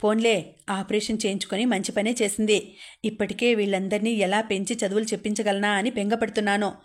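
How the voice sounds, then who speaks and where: A woman's voice: medium pitch, little pitch movement, fairly quick, natural voice. Woman reading a weary, irritable office man. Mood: irritated. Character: tired, irritable middle-aged husband and office worker.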